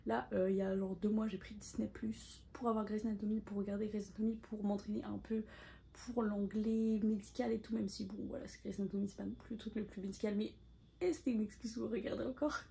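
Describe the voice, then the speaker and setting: Soft-spoken chatty young woman. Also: medium pitch, little pitch movement, fast, vocal fry, slight background noise. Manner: chatty, rambling, often drops to a half-whisper. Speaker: medical student vlogger. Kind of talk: casual vlog chat to camera.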